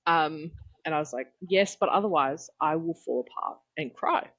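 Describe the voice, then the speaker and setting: A woman's voice: deep voice, normal speed, fairly bright tone, lo-fi sound. A young Australian woman chatting casually as a podcast guest over a video call, laughing often and filling with "um" and "like". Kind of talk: casual chat. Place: home room.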